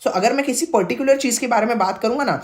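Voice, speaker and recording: A man's voice: extremely high pitch, fast talker. Male tutor, casual explainer, repeats himself, keeps anticipating student questions. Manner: chatty, repeats points, mixes in English terms; voices students' doubts and answers them. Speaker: English teacher. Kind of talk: casual classroom lesson.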